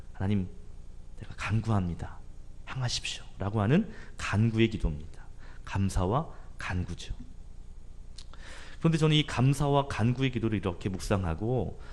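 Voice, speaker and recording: A man's voice: fairly low pitch, darkish tone. A male pastor preaching at a Friday prayer meeting, talking conversationally and asking the congregation to agree.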